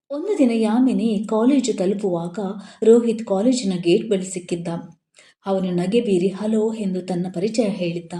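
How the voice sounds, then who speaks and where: Very mellow woman narrating in an echoey room. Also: mid-range voice. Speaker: storyteller. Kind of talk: scripted story narration.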